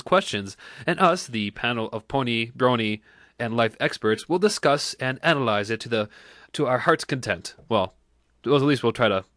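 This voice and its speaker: A man's voice: mid-range voice, a bit bright, no echo, studio quality. A man hosting a casual podcast chat, joking and laughing often as he rambles. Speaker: podcast host.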